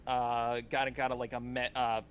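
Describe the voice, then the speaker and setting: A man narrating as game master of a tabletop game, pausing often with fillers and restarts. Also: medium pitch, completely flat delivery, a little hiss or hum. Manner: halting, many fillers and restarts.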